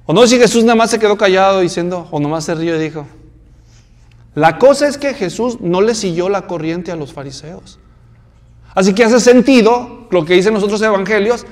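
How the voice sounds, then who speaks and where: A man's voice: sits high, animated, a little fast, long reverb tail. A man preaching a sermon, telling the story vividly and putting questions to the congregation. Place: church.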